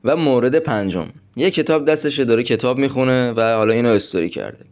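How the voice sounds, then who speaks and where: A man's voice: medium pitch, expressive, darkish tone. A man coaching listeners on dating, going through numbered tips in a direct, chatty way and addressing them as friends. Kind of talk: instructional monologue with numbered tips.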